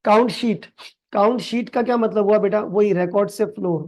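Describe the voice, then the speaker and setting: A man tutoring for an accounting exam in a recorded video lecture. He speaks with a Pakistani Urdu accent, mixes in English terms, keeps calling his students "beta", and reads English passages slowly and deliberately. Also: high voice.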